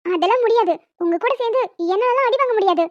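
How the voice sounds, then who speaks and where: A woman's voice: very high voice, fast, no echo. A woman voicing a sensible young female college student in a cartoon, bossy and exasperated. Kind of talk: cartoon voice acting. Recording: dull lo-fi dry sound.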